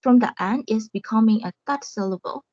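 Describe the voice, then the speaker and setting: A woman's voice: on the high side, a little fast, a little mellow, no echo. Hesitant woman presenting over a dull call. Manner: hesitant, frequent self-corrections and fillers. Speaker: student presenter. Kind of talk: online class presentation. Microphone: video call.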